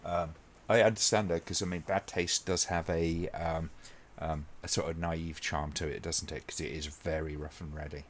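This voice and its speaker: A man hosting a casual watch-along live stream, talking to his chat in a relaxed, rambling way with many ums. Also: rumbling low, normal speed, hardly any pauses, a little hiss or hum.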